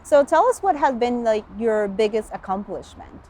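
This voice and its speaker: Upbeat lady host, kinda high voice, faint hiss behind. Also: expressive, moderate pace, darkish tone. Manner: upbeat, switches languages. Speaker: interview host. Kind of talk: friendly interview.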